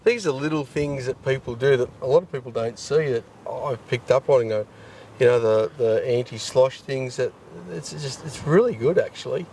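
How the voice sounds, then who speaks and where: A man's voice: mid-range voice, moderate pace, warm tone. A man with an Australian accent talks like a laid-back tradesman, matey and plain-spoken. He gives his opinion on gear in unscripted chat, recorded outdoors with some background noise. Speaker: firefighter and fitter giving a product opinion. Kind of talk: casual unscripted product review chat.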